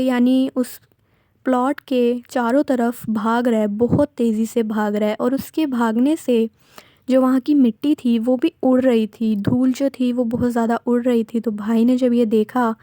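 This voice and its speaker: Woman calmly narrating a horror story. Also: on the high side, no room sound, studio quality. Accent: Pakistani Urdu. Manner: retelling a brother's account, slipping between third and first person; unhurried, rambling spoken narration with self-corrections.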